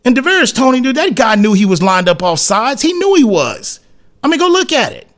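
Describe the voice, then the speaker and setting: With a notably high-pitched, sing-song and slightly bright voice, a sports talk show host gives a brisk, opinionated commentary monologue. He's blunt and emphatic, often repeating a phrase for effect, and his colloquial wording is full of slang and double negatives.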